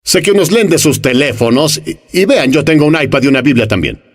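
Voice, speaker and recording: A man preaching with a lively voice that climbs and falls across a wide range. He is animated, throws out rhetorical questions and acts out the people he quotes. His voice sits a little higher than most men's. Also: brisk. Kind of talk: sermon.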